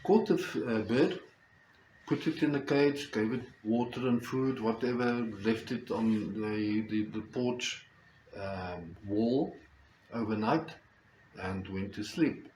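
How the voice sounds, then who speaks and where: An older man with a South African accent and Afrikaans as his first language, telling a personal story reflectively with halting, deliberate phrasing. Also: on the low side, darkish tone. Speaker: storyteller, host. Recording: roomy echo with faint background noise.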